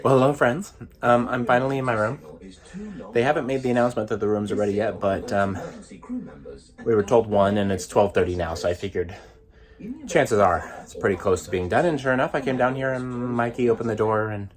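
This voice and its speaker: A man's voice: medium pitch, fairly quick, a crowd in the background. A slightly out-of-breath man vlogging casually from a ship cabin, rambling with many ums. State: a little out of breath. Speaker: travel vlogger. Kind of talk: casual vlog to camera.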